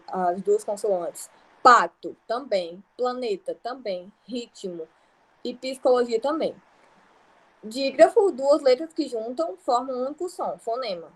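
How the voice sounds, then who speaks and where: A young Brazilian woman teaching an online grammar lesson, explaining patiently with examples and checking that students follow. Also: on the high side. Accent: Brazilian Portuguese.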